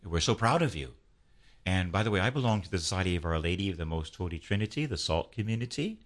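A man's voice: deep voice, expressive, fast talker. A man, a priest, hosting an interview, leading a prayer and speaking with fervent, preaching emphasis. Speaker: priest and host.

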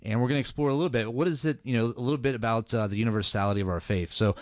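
A man's voice: medium pitch, very fast, no echo, studio quality. A man hosting a radio pledge drive, talking loosely with many fillers. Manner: filler-heavy, loose delivery. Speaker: radio host.

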